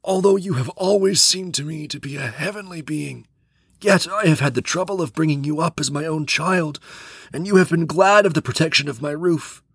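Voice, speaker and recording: A man voicing an old bamboo cutter over seventy, gentle and pleading, speaking slowly and earnestly to his foster daughter. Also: fairly high pitch, gravelly, husky, no echo, studio quality, pitched above the performer's own voice, full character voice.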